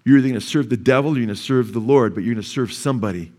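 Racing along in a medium-pitched, darkish voice, a Californian-accented pastor delivers a sermon in a church sanctuary. He unpacks word meanings with patience, then rises to emphatic high points, calling out for amens from the congregation.

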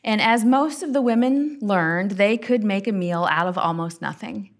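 A middle-aged woman hosting a devotional podcast, telling a personal family story in an earnest, intimate way that often drops to quiet tones. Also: medium pitch, moderate pace. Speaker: podcast host and Bible teacher.

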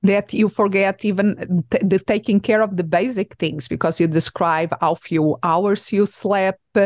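A woman's voice: medium pitch, fairly even intonation, measured pace, darkish tone, no room sound. A woman from Portugal with a Portuguese accent, hosting an interview in a hesitant way with many fillers and restarts. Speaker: podcast host. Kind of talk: conversational interview.

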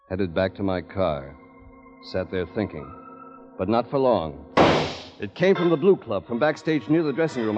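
A man's voice: mid-range voice, close to an everyday voice. An actor playing a tough male private detective who narrates in a clipped, terse, hard-boiled manner, in 1940s radio acting style. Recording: dull old radio recording with music.

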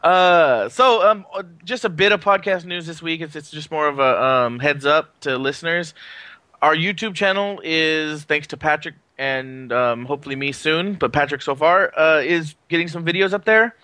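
A man hosting a podcast in a casual, halting, rambling way from his apartment. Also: on the high side, sharp tone, no echo. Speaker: podcast host. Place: apartment, remote recording.

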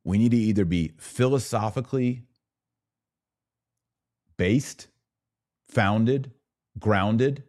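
A man with a lowish, slightly mellow voice hosts a podcast, speaking slowly and pausing often. He's a political commentator delivering a passionate, emphatic monologue full of rhetorical repetition.

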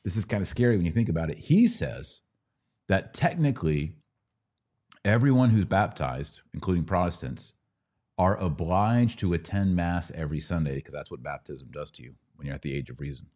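This middle-aged American man has a low-pitched, slightly mellow voice that is expressive and moderately paced. He hosts a Q&A podcast answering religious questions, explaining didactically and checking in with rhetorical questions.

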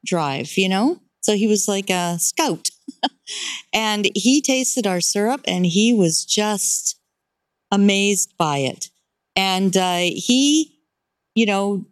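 A woman's voice: medium pitch, no echo, studio quality. A woman talking casually about her family syrup business, chatty with many fillers and frequent laughs. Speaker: guest, birch syrup producer. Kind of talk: casual interview talk.

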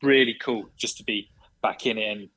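A man's voice: fairly low pitch, fairly even intonation, normal speed, bright, forceful tone, breathy edge, low-quality recording. A man, a racing driver, talking enthusiastically in a remote interview, smiling as he speaks. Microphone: remote call, audio only.

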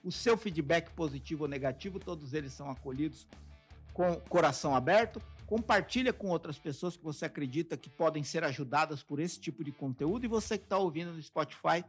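A man's voice: a little high, a little fast, breathy edge, soft background music. A man with a Brazilian accent, co-hosting a podcast and explaining ideas with acted-out everyday examples in casual talk. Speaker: podcast co-host.

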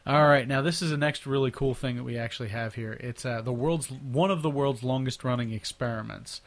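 A man of ordinary pitch hosting a casual podcast. He rambles through stories, repeats himself and breaks into frequent laughs. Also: fairly quick. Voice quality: natural mimic who slips into others' accents. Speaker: podcast host. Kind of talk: casual chat.

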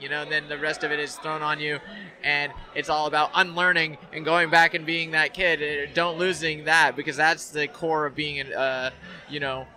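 A man with a bright, forceful voice, pitched a little above the usual for men, chats earnestly on a live podcast. He rambles and restarts his sentences again and again. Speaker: guest. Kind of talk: casual chat. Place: live event venue.

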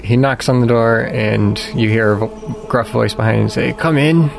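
Creaky-voiced male game master. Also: lowish voice, little pitch movement, moderate pace, music in the background. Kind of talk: narrating a tabletop game.

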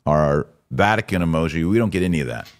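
With a low voice and lively intonation, this American man hosts a podcast at a fast clip. He keeps things informal and joking, sharing opinions and reading listener comments aloud.

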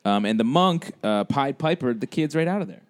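A man co-hosting a casual podcast chat about a TV show, wry and animated. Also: mid-range voice, brisk. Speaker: podcast co-host.

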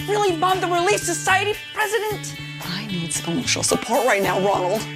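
A woman playing an overwrought, devout mother, melodramatic and prudish, in a dark comedy film. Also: extremely high pitch, fairly quick, loud music behind the voice. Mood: distraught. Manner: melodramatic, pleading outrage.

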